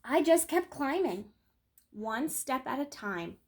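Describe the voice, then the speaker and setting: In a high voice, a woman who teaches narrates a children's picture book, taking a deliberate, expressive storytelling approach punctuated by dramatic pauses.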